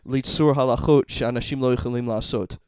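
A man's voice: medium pitch, fairly even intonation, a little mellow, clean tone. A man in his chats casually, searching for words and often repeating himself as he goes. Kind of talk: casual conversation.

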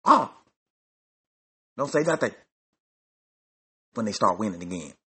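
A man ranting loudly as a sports fan in a vlog, repeating himself and swinging his voice up and down. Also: normal speed, slightly rough. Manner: loud, animated, repetitive, big pitch jumps. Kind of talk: excited fan rant.

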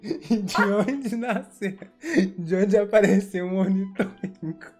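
A woman's voice: mid-range voice, slow pace, darkish tone. A young woman with a Brazilian Portuguese accent hosting a casual, slangy livestream in a giggly, teasing, informal way. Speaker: live stream host. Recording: background music under the voice.

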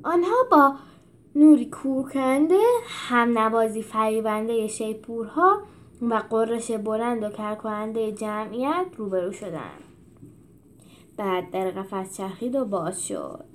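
A woman hosting a podcast and reading a translated children's book aloud with expressive storytelling. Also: fairly high pitch, a little hiss or hum. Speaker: podcast host and narrator.

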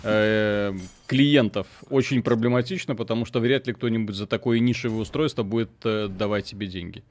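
A man's voice: on the low side, fairly even intonation, moderate pace. A man in his forties playing a game on stream, muttering to himself and making dry remarks. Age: 40s. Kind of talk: casual gaming stream chat.

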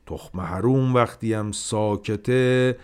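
A man voicing a gruff, irritable older householder who grumbles and shouts curses and orders. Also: on the low side, natural voice. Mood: grumbling.

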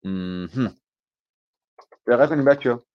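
A man's voice: medium pitch, animated, highs cut off. Man teaching English in a live stream. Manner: explains patiently with examples, mixing Persian and English. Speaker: IELTS teacher. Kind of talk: live online English lesson.

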